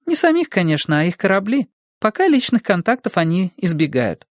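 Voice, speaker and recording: A man's voice: sits high, big pitch swings, fairly quick, dry recording, clean studio sound, voice pushed up. A man voicing a cheerful young woman from the future in an audiobook, speaking in a breezy, matter-of-fact way.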